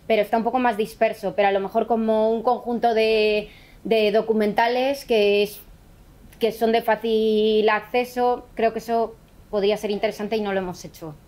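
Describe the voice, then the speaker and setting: A woman's voice: mid-range voice, darkish tone. Earnest woman thinking aloud. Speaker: teacher activist. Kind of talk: conversational explanation.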